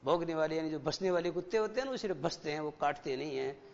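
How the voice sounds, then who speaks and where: A man teaching an English class to schoolchildren, explaining slowly and asking them rhetorical questions. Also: fairly high pitch, lively intonation, vocal fry. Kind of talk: classroom lecture. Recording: dull lo-fi broadcast with long reverb.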